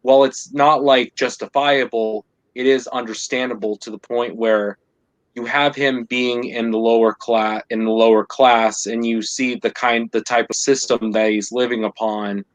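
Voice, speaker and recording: A man of medium pitch talks casually as a podcast co-host. He drives his points home by repeating phrases. The recording is dry, with no room sound. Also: steady tone, moderate pace, dry recording, poor audio. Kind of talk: casual discussion.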